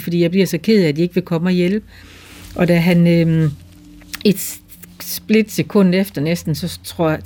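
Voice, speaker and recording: A Danish woman giving documentary testimony, retelling events hesitantly with pauses. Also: lowish voice, dark tone. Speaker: interviewee recounting family events.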